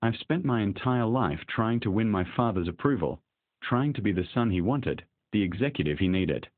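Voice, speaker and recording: A man voicing a young billionaire husband who is opening up after years of holding back, read in a steady, even way. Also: lowish voice, normal speed, no echo, close to an everyday voice. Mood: earnest. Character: guarded young billionaire husband turning earnest. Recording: dry, tinny phone-like sound.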